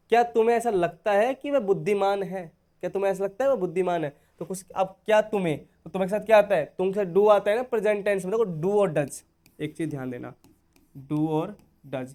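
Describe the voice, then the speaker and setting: Male tutor, high and clear, patient step-by-step explainer to his students. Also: a little mellow. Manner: explains step by step, often checking in with "okay?"; addresses viewers as dear students. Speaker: English teacher. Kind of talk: online spoken-English lesson.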